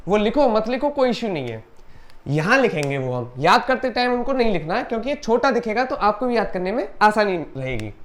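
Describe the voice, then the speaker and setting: A woman teaching a maths lesson step by step. She explains patiently, mixes English maths terms into her sentences and reads formulas aloud slowly, word by word. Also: mid-range voice, big pitch swings.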